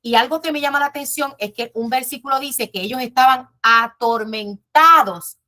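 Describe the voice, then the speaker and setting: A woman's voice: sits high, normal speed, bright, forceful tone. A woman teaching a Bible class in an earnest, emphatic way, often repeating her phrases.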